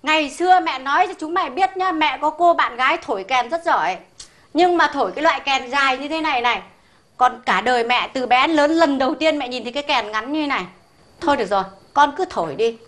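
A woman's voice: sits high, fast, a bit bright. An actress with a Northern Vietnamese accent playing a scolding, sarcastic elderly mother-in-law in a sitcom. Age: older. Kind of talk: sitcom acting.

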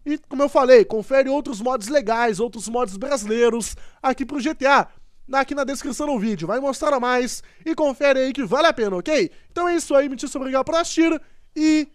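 A man giving excitable, exclamatory gameplay commentary as a gaming video host. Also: very high-pitched, a little fast, no echo, studio quality. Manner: excitable, exclamatory, repeats "top" and "ó". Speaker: gaming YouTuber.

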